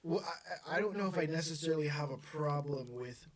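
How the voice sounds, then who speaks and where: A young man hosting a casual sports chat, animated and full of quick restarts. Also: on the high side, crowd noise. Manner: animated, quick back-and-forth with repeated restarts. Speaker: podcast host.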